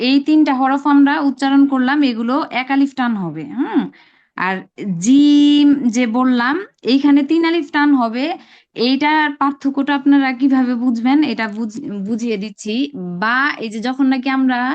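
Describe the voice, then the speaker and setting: A woman with a high voice leads an online lesson, explaining patiently step by step. She stretches each sound she demonstrates. The call audio is dull and lo-fi. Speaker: Arabic pronunciation teacher. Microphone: video call.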